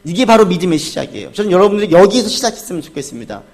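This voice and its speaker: A male pastor giving a Sunday sermon, asking the congregation questions and answering them himself, dropping to quiet asides and rising to loud cries when he acts out the crowd. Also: very animated, rapid-fire. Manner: swings from soft, low asides to loud, high cries when acting out the crowd and the beggar.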